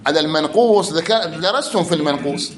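A man with an Iraqi accent teaching a grammar lesson, explaining with repeated examples and chanting quoted verse slowly. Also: a little high, lively intonation, a little hiss or hum. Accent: Iraqi Arabic. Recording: echoey room.

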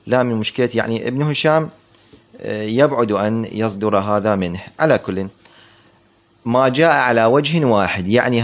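A man reads from a grammar text and comments on it line by line, in a measured classroom voice at a middle pitch. He slows down to repeat key words and asks his students questions. The recording sounds dull and lo-fi. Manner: slow, explanatory, repeats words for emphasis, asks rhetorical questions. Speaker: teacher of Arabic grammar.

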